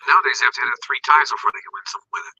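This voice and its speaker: A man speaks in a rapid rush over a remote call, his voice thin and tinny like it's coming from a tin can. The tone is sharp and bright but rough and husky, with no low end in the lo-fi line. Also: fairly even intonation. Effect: thin tinny connection, sounds like in a tin can. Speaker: podcast co-host. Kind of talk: casual chat. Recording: lo-fi tinny call audio from off-mic.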